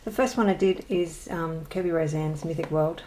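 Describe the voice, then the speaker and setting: Her voice deep and darkish at a normal speed, a woman who hosts a colouring channel rambles through a casual show-and-tell vlog. She hesitates with plenty of ums and drops self-deprecating asides. A little hiss or hum sits under the recording.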